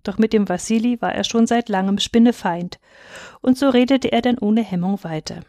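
A woman narrating a classic short story in a calm, measured read-aloud style. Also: fairly high pitch, no room sound, studio quality. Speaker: reader.

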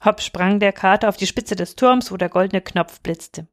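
A woman reading a fairy tale aloud in a calm, measured storytelling manner. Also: mid-range voice, no room sound, studio quality.

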